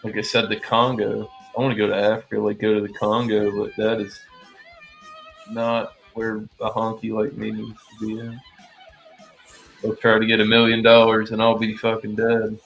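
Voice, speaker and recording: A man's voice: lowish voice, completely flat delivery, moderate pace, creaky, a bit bright, muffled recording, faint music behind. A man co-hosting a casual podcast chat, joking and crude, firing off questions. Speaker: podcast co-host.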